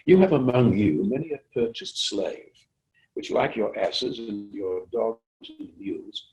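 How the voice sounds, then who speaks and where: A man's voice: medium pitch, rough recording. A man performing Shylock, defiant and declamatory. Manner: emphatic, declamatory. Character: Shylock, defiant wronged moneylender arguing in court. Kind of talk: theatrical Shakespearean recitation.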